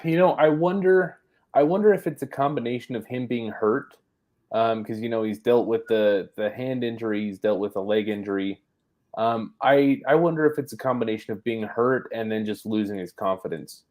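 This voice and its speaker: A man's voice: mid-range voice, moderate pace, darkish tone. A man co-hosting a casual postgame football podcast, talking it over in a thoughtful, hedging way with plenty of fillers. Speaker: sports podcast co-host.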